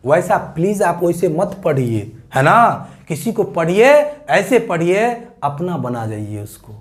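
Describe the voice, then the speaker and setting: A man's voice: a little high, sing-song, a little slow. A man teaching a reasoning class, coaxing students with questions he answers himself and muttering sums under his breath. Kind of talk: classroom lecture.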